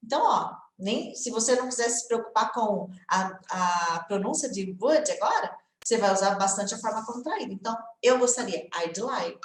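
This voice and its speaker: A woman's voice: a little high, lively intonation, moderate pace, hardly any pauses, reverberant, slight background noise. A woman from Brazil teaching an English lesson online in Portuguese, chatty and encouraging, often checking in with her students.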